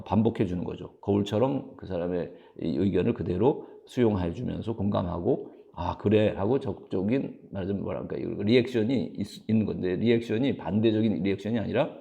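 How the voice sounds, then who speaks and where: A man giving a university lecture, explaining slowly with many fillers and acting out short example exchanges. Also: lowish voice, gravelly, warm tone, highs cut off.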